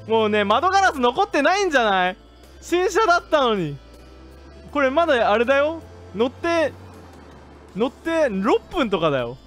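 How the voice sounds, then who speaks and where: A man streaming a game, commenting excitedly, jumping from low mutters to rough joking shouts at the characters. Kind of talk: gaming live-stream commentary.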